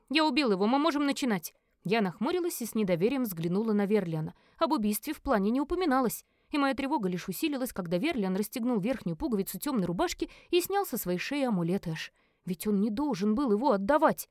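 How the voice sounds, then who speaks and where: A woman's voice: medium pitch, fast talker, dry recording, clean studio sound. Woman narrating a dramatic fantasy audiobook. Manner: expressive, dramatic reading.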